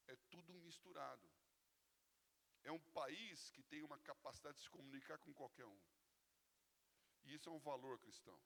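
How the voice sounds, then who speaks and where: A Brazilian-accented male pastor with a gravelly, creaky voice, talking to his congregation. He preaches conversationally and tucks in little "né?" checks as he tells stories. His voice rings out with a long hall reverb. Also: medium pitch, fairly bright tone. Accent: Brazilian Portuguese. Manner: conversational storytelling, frequent "né?" tags. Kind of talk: sermon with personal anecdotes. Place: church hall.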